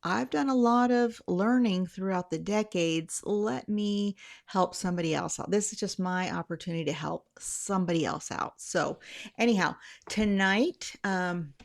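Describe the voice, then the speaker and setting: A woman's voice: mid-range voice, normal speed, gravelly. A middle-aged woman hosting a channel, explaining tips in a casual, conversational way, rambling a little and correcting herself as she goes. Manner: rambling, self-correcting, chatty. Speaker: channel host sharing anxiety tips.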